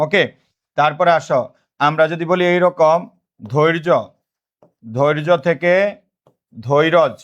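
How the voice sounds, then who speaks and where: A man's voice: a little high, lo-fi sound. A man with a Bangladeshi accent teaching a live online grammar class, asking the same questions again and again and calling himself big brother to his students. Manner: drilling students with repeated questions.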